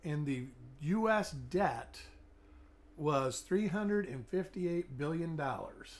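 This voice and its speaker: Slow and animated, with a slightly high voice, a middle-aged host runs a live coin-hunting stream while recovering from an illness that has left his voice weak and fading. He goes through coins and chats, calling out viewers by name.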